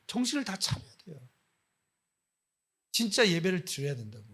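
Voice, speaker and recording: A man's voice: sits high, fairly bright tone, slightly rough. A man preaching as a missionary, impassioned and scolding, firing off rhetorical questions at his listeners. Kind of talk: sermon.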